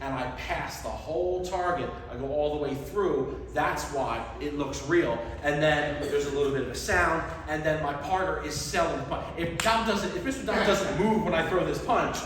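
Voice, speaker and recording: A man's voice: on the high side, normal speed, few pauses, a bit bright, slight background noise. A man teaching a hands-on workshop to a group, explaining step by step and checking that they follow. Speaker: stage combat instructor. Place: large echoey indoor hall. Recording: very echoey hall, distant microphone.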